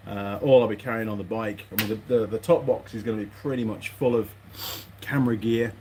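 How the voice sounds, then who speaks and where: Fairly low in pitch, he keeps a steady tone and a fairly quick pace while muttering through a casual workshop vlog. The mechanic host is hesitant and meandering. Parts rustle and click in the noisy recording.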